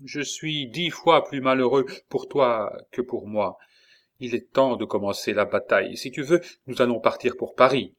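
Storybook role: earnest, tender young husband, read by a male narrator, slightly lifted and warm. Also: mid-range voice, moderate pace, natural voice. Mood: eager.

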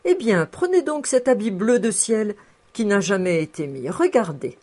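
A woman's voice: mid-range voice, lively intonation, normal speed, a little mellow, pitched above the performer's own voice, close to an everyday voice. A woman playing a chuckling old housekeeper. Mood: coaxing. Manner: chuckling, fussing, coaxing. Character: cheerful old female housekeeper, sixty-four, toothless.

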